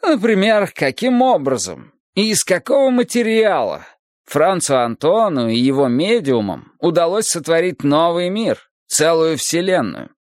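A man reads in a raised voice for a calm philosopher who lectures slowly and gently on hard ideas, a little sorrowful. The voice lifts and swings widely through each line. It is read dry and close, with no room heard. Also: a little high, no echo, voice pushed up. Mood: musing. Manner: slow, measured, lecturing. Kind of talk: audiobook character reading.

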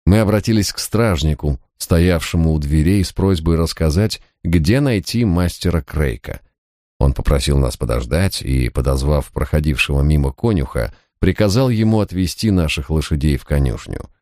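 A man reading a historical novel aloud as a first-person audiobook narrator, in a measured, literary storytelling manner. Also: a bass voice, animated, a little mellow, no room sound, clean studio sound.

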